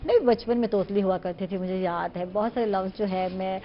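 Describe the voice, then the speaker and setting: A woman hosting a morning talk show, chatty and quick to chime in with agreement. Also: mid-range voice, lo-fi sound, slight background noise. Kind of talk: casual talk-show chat.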